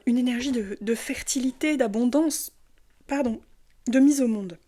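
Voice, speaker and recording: A woman's voice: mid-range voice, a little mellow. A woman giving a casual monthly tarot reading. She hesitates and stumbles over her words, with many fillers. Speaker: tarot reader.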